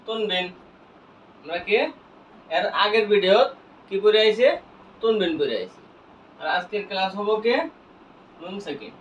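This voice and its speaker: A man teaching Quran reading, who asks each point as a question, answers it himself, and spells out letters slowly. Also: high voice, slight background noise. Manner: slow, drawn-out spelling of letters. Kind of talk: classroom lesson with call-and-response questions. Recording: echoey, distant, dull lo-fi room sound.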